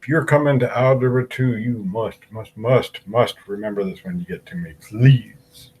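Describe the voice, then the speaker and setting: Husky-voiced man teaching algebra. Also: lowish voice, moderate pace, darkish tone, rough recording. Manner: talks through problems step by step, asking questions aloud. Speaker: math teacher. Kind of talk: recorded algebra lesson.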